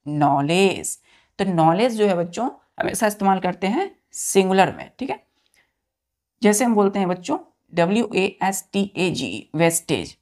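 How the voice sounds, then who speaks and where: A male teacher giving a grammar lesson, spelling words out letter by letter, asking and answering his own questions and often checking in with a quick "okay". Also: high-pitched, darkish tone. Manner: asks and answers own questions, addressing students as children.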